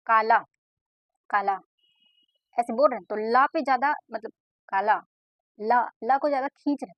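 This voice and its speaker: A woman's voice: fairly high pitch, no room sound. A woman teaching an exam-prep lesson in a casual spoken style, explaining step by step and answering her own questions. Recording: dry, dull lo-fi voice-over.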